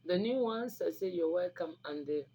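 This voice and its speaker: Here an online video host shares herbal remedy tips in a casual, instructive talk to camera, pressing her points in a preachy way and repeating phrases. She is a native Igbo speaker with a Nigerian Igbo accent, and her voice sits on the low side, expressive, at normal speed. The audio sounds muffled, with noticeable background noise.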